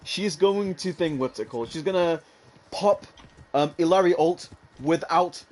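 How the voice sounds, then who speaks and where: A man's voice: on the high side, measured pace, a little mellow. A young man casually telling a long story about an online game, rambling with lots of fillers and calling the listener "bro". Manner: rambling, fillers like "what's it called", says "bro".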